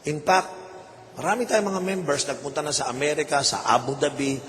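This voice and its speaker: A man's voice: a little high, brisk, fairly bright tone. A man preaching a sermon as pastor, slipping English phrases in and asking the congregation questions. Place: church. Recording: reverberant hall, faint noise.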